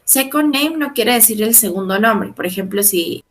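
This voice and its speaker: A woman teaching an English class, explaining step by step, often checking in with her students and slowing down to pronounce English phrases. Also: on the high side, lively intonation. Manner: explanatory, frequent checks like "¿verdad?" and "¿sí?". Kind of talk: online class lecture.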